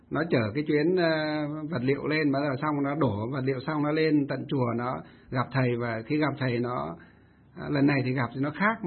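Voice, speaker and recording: A male Buddhist monk telling a story in a sermon, getting animated when he stresses a point. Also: a little high, slightly rough. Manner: animated storytelling, rising with emphasis. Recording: tinny phone-like radio sound.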